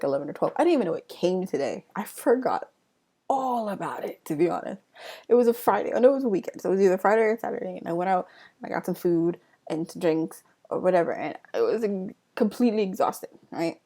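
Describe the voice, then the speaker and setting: A young woman vlogger casually telling a story, animated, acting out quoted lines with laughter. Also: lowish voice.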